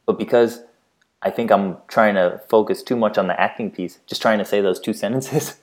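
A man's voice: lowish voice, moderate pace. A man co-hosting a podcast in casual chat, thoughtful and hesitant with fillers. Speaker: podcast co-host.

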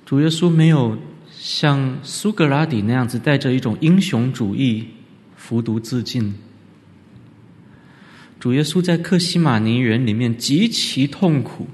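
A man giving an animated church lecture on scripture, often leaping up in pitch for emphasis. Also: unhurried. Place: church hall. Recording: reverberant church hall.

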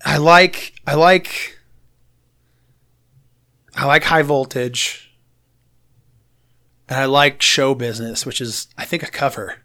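A man's voice: mid-range voice, steady tone, slow, pauses often, sharp tone. A man in casual, sweary conversation, blunt, with a congested, blocked-nose sound from bad sinuses. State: congested sinuses, recent coughing. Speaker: podcast host. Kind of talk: casual profane music chat.

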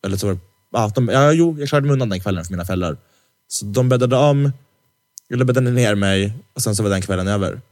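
A young man co-hosting a casual podcast in a studio, telling a lively story and acting out the quoted lines with teasing jokes and lots of slang fillers. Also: fairly low pitch. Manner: lively storyteller who acts out quoted dialogue. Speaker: podcast co-host. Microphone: studio microphone.

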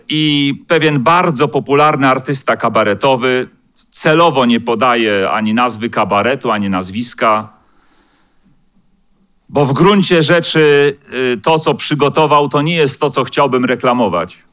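A man preaching a sermon as pastor in a church, speaking in a measured way and slowing down to quote scripture, with the odd hesitant filler. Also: mid-range voice, a bit bright, clean tone. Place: church hall.

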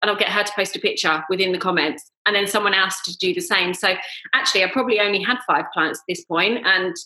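A woman with a bright, forward voice and a Home Counties English accent, heard in an echoey room. She chats informally and candidly, like a guest telling her own story in an interview. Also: medium pitch, fast talker. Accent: southern English, Home Counties. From Surrey, England. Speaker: guest, eyelash technician and business owner. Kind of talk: casual interview chat. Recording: roomy, echoey sound.

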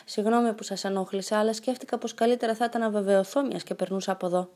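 A woman voicing a bold, cheerful, eccentric little girl in a storybook reading, with a lively, bright and playful manner. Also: mid-range voice, natural voice.

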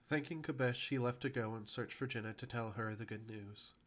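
A man reading a science fiction story aloud as a podcast narrator, telling it in a steady, even way. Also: mid-range voice, brisk. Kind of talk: scripted narration.

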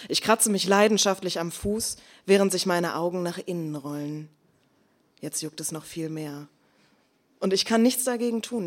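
A woman performing an intense, bitter spoken-word monologue, dropping to hushed near-whispers and then rising to loud, forceful bursts. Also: fairly low pitch. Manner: bitter, confrontational.

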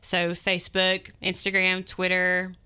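A woman's voice: on the low side, completely flat delivery, a little slow, bright, forceful tone, smooth. A woman singer being interviewed, giving practical details in a helpful, matter-of-fact way. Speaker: singer and guest musician. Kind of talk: casual interview chat.

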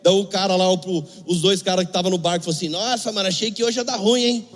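Brazilian male pastor, young, high voice, humorous storytelling sermon, long reverb with faint music behind. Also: fairly even intonation, fast. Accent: Brazilian Portuguese. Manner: humorous storytelling with acted dialogue.

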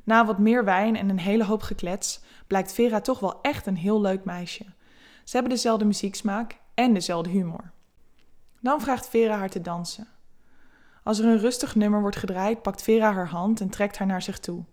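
A woman narrating an erotic story in a soft, intimate, unhurried reading voice. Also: medium pitch.

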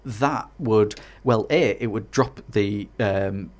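A man's voice: on the low side, slow, darkish tone. A man from Hartlepool with a Teesside accent, co-hosting a casual podcast in a hesitant, rambling way. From Hartlepool, northeast England. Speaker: podcast co-host.

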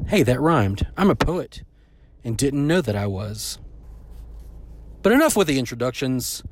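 A man hosting a scripted mock-news comedy monologue in a playful, mock-grandiose way. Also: medium pitch. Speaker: comedy segment host.

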